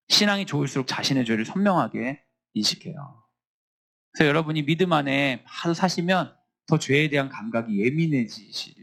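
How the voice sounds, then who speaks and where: A man's voice: medium pitch, gravelly. A man, a school chaplain, teaching a Bible class to students, acting out little scenes from the classroom as he speaks. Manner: lively, acts out teacher and student voices in quotes.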